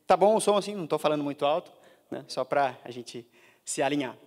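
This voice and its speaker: Brazilian man lecturing, high voice, reverby room. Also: expressive, brisk, a little mellow. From northern Paraná, Brazil. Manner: conversational, many fillers like "né". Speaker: guest speaker. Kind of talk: business lecture.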